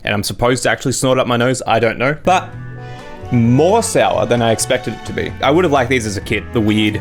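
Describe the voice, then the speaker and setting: A man's voice: medium pitch, lively intonation, brisk. A young adult man chatting casually and drily as host of a taste test, talking while he eats sour candy. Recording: music behind the voice. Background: background music.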